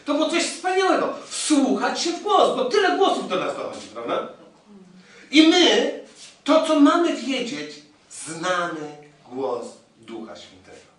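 A man preaching a sermon to his congregation, telling stories in an animated way. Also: very high voice, a little slow. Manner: animated storytelling, addressing the congregation. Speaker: pastor. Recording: echoey hall, distant mic.

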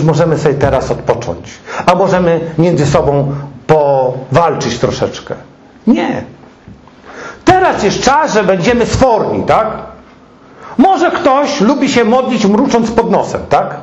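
A man's voice: on the high side, a little mellow. A man preaching a sermon, telling stories, quoting others and asking rhetorical questions. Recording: echoey room, dull sound.

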